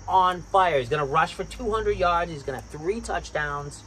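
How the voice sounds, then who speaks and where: A man with a Boston accent, co-hosting a casual sports chat and getting excitable about his picks. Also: moderate pace, slight background noise. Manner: excitable, bursts up in pitch when hyped. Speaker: sports podcast co-host.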